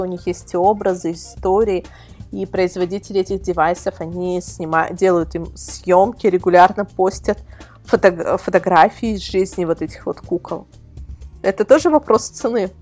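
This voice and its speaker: With a mid-range, darkish voice, a woman answers questions as an expert guest on a casual podcast, explaining things chattily. She works as an editor for a magazine-style portal.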